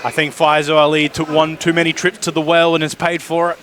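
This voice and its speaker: A man giving dramatic, excited live play-by-play as a wrestling commentator, often raising his voice to a shout. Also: on the high side, fairly quick.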